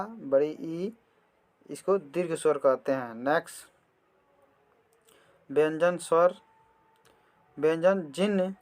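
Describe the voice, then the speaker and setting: Slow, measured Hindi grammar teacher, man. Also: on the high side. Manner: slow, repeats definitions and spells out examples. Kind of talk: exam-prep grammar lesson.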